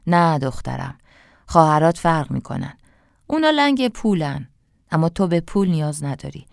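A woman's voice: sits low, big pitch swings, vocal fry, no room sound, studio quality, full character voice. Woman voicing a stern old mother-in-law. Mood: chiding. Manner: scolding, guilt-tripping.

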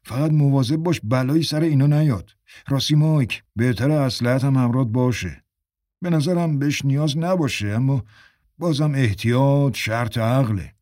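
A friendly, careful middle-aged man in an audiobook, speaking in low confiding tones, as the narrator voices him. His voice is mid-pitched and dry, close to the mic. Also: mellow, no room sound, lightly acted.

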